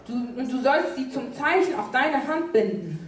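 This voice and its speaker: A woman's voice: high-pitched, a little slow. A young woman working as an interpreter at a church service, steadily repeating the sermon phrase by phrase. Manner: steady, plain delivery following the preacher phrase by phrase. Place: large church hall with stage. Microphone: handheld mic, filmed from far. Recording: very echoey church hall, distant mic.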